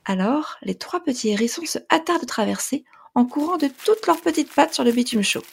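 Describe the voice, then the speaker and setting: A woman narrating a children's storybook in a gentle, lilting way. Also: sits high, animated, brisk, gravelly. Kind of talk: storybook reading.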